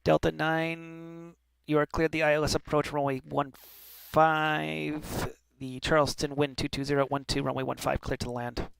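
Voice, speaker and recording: A man's voice: fairly high pitch, little pitch movement, normal speed, vocal fry, fairly bright tone, clear, resonant tone, no echo. A man working as an air traffic controller, giving clipped formal instructions with occasional informal asides. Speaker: air traffic controller in online flight simulation.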